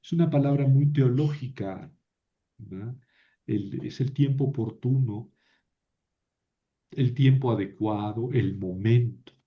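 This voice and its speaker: A man teaching biblical Greek in a recorded lecture, halting often to repeat and correct himself. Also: medium pitch, dull audio.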